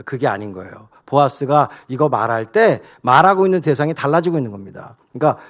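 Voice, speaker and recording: Animated, conversational male preacher. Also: medium pitch, quick pace. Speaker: pastor. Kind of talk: sermon.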